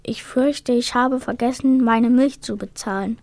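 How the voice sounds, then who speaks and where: A woman voicing a small, eager male elf with bright, excited exclaiming. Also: fairly high pitch, unhurried, no room sound. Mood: determined.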